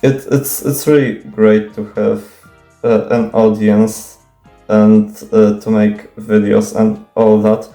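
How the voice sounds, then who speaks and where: Speaking slowly in a fairly low, flat, dark-toned voice, a young Polish native speaker works nervously through viewer questions in an improvised Q&A monologue. He stutters, restarts often, leans on fillers, and swears casually. The recording has room echo and faint music.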